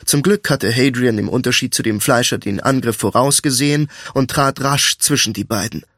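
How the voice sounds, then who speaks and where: A man reads a fantasy audiobook in an even, measured way. His mid-range voice sits close to the mic in a dry, dead studio sound. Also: mid-range voice, no room sound. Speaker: audiobook narrator. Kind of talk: scripted fantasy narration.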